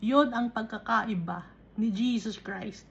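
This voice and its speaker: Slow, unhurried woman teaching scripture. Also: fairly high pitch, gravelly, muffled recording, a little hiss or hum. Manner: unhurried, explaining with frequent checks on listeners. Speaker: Bible teacher. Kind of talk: Taglish Bible study teaching.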